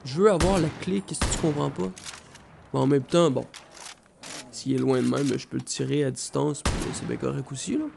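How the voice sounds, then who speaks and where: A man with a Québécois accent giving excitable, swearing gameplay commentary while he has the flu. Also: medium pitch, normal speed, gravelly, noisy background. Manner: excitable, swears often, loud outbursts. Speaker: gaming YouTuber.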